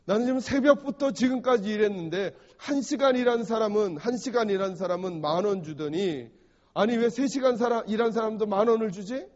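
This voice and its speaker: A man's voice: high-pitched, big pitch swings, normal speed, dark tone. A man voicing a resentful day laborer who broods over his unfair wage, stammering in agitation. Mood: perplexed. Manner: agitated muttering, repeated stammering phrases. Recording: dull recording in a reverberant church hall.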